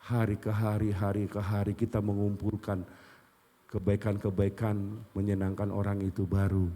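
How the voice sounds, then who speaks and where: A man's voice: lowish voice, little pitch movement, normal speed, warm tone. A male pastor preaching a sermon, emphatic, often asking and answering his own questions. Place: church sanctuary. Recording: long church hall reverb.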